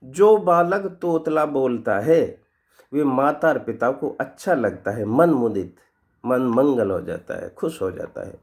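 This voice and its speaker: A man telling a short folk tale and explaining scripture verses in a devotional lesson, with animated storytelling. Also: mid-range voice, measured pace.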